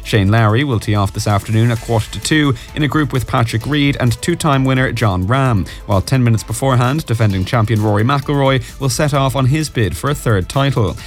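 A man's voice: medium pitch, a little fast, hardly any pauses, soft background music. An Irish man reading a scripted radio bulletin as a presenter. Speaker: radio news and sport reader.

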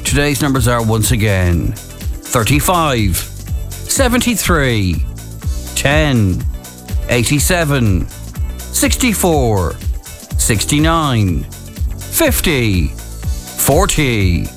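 A man with an Irish accent working as a radio bingo caller, announcing numbers in a measured, deliberate way. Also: mid-range voice, sing-song. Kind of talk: bingo calling, numbers read digit by digit. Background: music bed.

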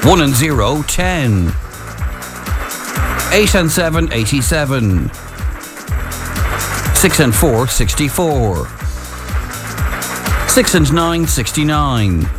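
Man, Irish accent, bingo caller, deliberate number calls, animated intonation, music underneath. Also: a little high. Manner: measured, deliberate announcing of numbers. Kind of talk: bingo calling, numbers read digit by digit. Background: music bed.

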